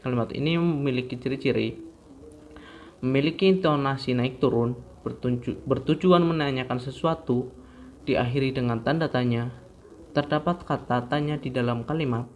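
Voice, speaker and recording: A man's voice: mid-range voice, normal speed, a little hiss or hum. A young man, a student, reading a grammar lesson aloud from his notes, stumbling and restarting words now and then. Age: young adult. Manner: reads from notes with frequent slips and restarts. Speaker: student presenter.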